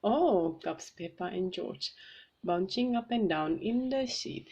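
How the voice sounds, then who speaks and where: A woman reading a children's picture book aloud with slow, clearly paced reading. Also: on the low side, lively intonation, darkish tone. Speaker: storybook reader. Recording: slightly muffled with faint hiss.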